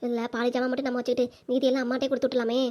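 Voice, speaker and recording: A woman's voice: a little high, level tone, rapid-fire, a little mellow, dull audio, natural voice. A woman voicing a coaxing mother-in-law. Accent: southern Tamil. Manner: coaxing, persuasive. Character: kind scheming middle-aged mother-in-law. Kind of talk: cartoon voice acting.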